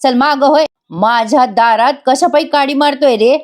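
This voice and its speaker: A woman's voice: sits high, normal speed, pitched above the performer's own voice, close to an everyday voice. A woman voicing a spiteful village aunt who scolds in rustic speech. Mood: scolding.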